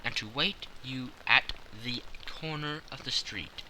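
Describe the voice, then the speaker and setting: A man voicing an obliging, loyal gentleman doctor in an audiobook, answering in an agreeable and dutiful manner. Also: mid-range voice, measured pace, a little hiss or hum, poor audio. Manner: agreeable, dutiful, brief replies. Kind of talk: audiobook character dialogue.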